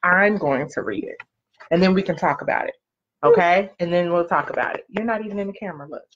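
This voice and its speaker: A woman whose voice sits on the low side reads a picture book aloud quickly, with slight background noise. Like a parent on the couch of a small living room, she lingers on key words and quizzes young listeners, recorded through a webcam or laptop mic at arm's length that sounds muffled and lo-fi.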